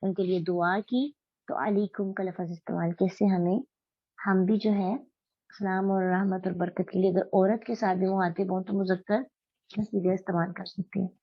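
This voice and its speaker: A woman's voice: mid-range voice, fairly even intonation, normal speed, breathy edge, dry recording. Lady teacher going through scripture verse by verse, asks the class questions, dry dull online audio. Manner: explains step by step, asks the class rhetorical questions, recites Arabic verses. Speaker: Quran teacher. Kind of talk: religious study lecture.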